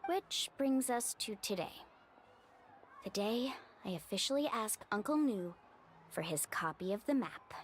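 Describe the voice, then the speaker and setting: A woman's voice: medium pitch, expressive, a little slow, a little hiss or hum, natural voice. A woman voicing an upbeat, earnest young female tour guide in a video game.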